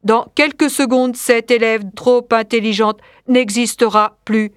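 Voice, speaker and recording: A woman reading the lines of an android disguised as a male teacher, in a flat, even manner. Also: a little high, unhurried, clear, resonant tone, dry recording, studio quality, natural voice. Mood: cold. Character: android teacher posing as human, cold and calculating.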